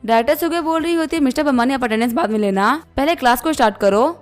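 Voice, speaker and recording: A woman's voice: sits high, rapid-fire. A woman narrating a story recap, reading every character's lines in her plain voice. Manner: reads all dialogue in her plain voice. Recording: faint background music.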